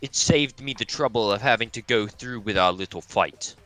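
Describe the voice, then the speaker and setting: A man's voice: fairly low pitch, normal speed, bright, forceful tone, dry recording. A man voicing a mischievous, smug male bear headmaster in a fan reading, teasing everyone and calling them bro.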